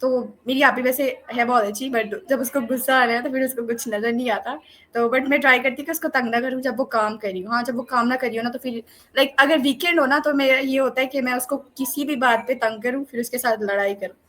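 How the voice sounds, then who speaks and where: A woman's voice: high-pitched, fairly even intonation, fast, a bit bright. A young woman from Pakistan, a student guest on an online interview call, talking casually and playfully with lots of fillers and self-corrections. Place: online video call from home. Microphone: computer or phone mic on a call.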